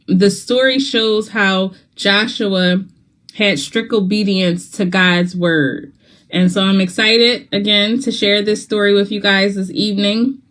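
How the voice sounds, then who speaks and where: Lady hosting a kids bible club stream, slow n halting, mouth a bit numb from dental work. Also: mid-range voice, a bit bright. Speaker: host of a children's Bible club livestream. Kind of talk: casual livestream welcome to young viewers.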